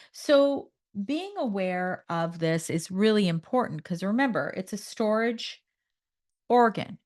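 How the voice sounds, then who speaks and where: A woman from Canada hosting a nutrition podcast, talking to her listeners in an emphatic, animated way. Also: medium pitch. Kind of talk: health podcast talk.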